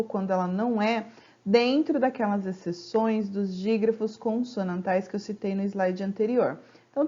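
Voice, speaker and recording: A woman teacher giving a slide-based grammar lesson, explaining patiently and stretching example words out slowly. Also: mid-range voice, mellow, dull audio. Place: home.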